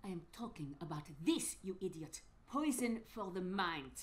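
A stern, commanding overseer , played by an actress, barks orders and interrogates with a sharply swinging pitch. Her tone is harsh and authoritative, like a video game villain in charge. A faint hiss sits under the voice. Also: lively intonation, moderate pace, close to an everyday voice.

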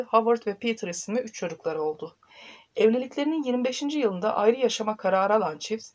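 A young woman reads a life story aloud for her channel, recorded close on a phone in a small room. Her delivery is even and read-from-script, broken now and then by hesitant "e" fillers. Her pitch sits in the ordinary middle for a woman. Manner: reads steadily with filler pauses. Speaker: channel host. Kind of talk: reading a biography to camera.

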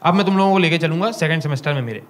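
On stage at a small comedy club, a young Indian-accented comedian tells animated stories to a live crowd and acts out the dialogue. He speaks rapid-fire in a slightly high voice into a handheld stage mic.

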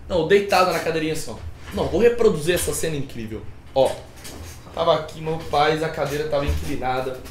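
A young man with a Brazilian accent, reacting to a video in casual commentary and telling stories in an animated, slangy way with plenty of swearing. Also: fairly high pitch. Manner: animated, slangy storyteller who swears freely. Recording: roomy echo, faint background noise.

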